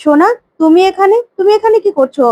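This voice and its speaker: A woman's voice: extremely high pitch, fast talker, mellow, no room sound, lo-fi sound, voice pushed up. A woman voicing a scheming middle-aged woman, a sly manipulator who talks in an insinuating way.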